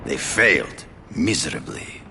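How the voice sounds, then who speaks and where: An actor playing a proud hunter turned vigilante in a video game, with a grandiose, hammy stage-actor delivery. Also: male voice, a bass voice, sing-song, unhurried, creaky, bright, forceful tone, slight background noise, heavily acted. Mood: stern, forceful.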